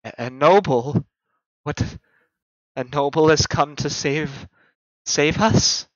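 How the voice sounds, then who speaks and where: A man's voice: fairly high pitch, takes it slowly. A man acts out a feeble old woman in a tabletop game. She speaks hesitantly and fearfully, like someone hiding. The recording is slightly dull and roomy. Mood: frightened, disbelieving. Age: older.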